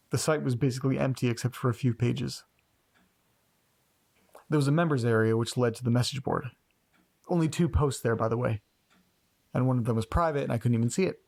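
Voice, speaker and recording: An actor plays an anxious, self-doubting man in a horror audio drama about eerie mysteries, speaking hesitantly and earnestly in naturalistic dialogue. His natural voice is creaky, medium-pitched and darkish in tone.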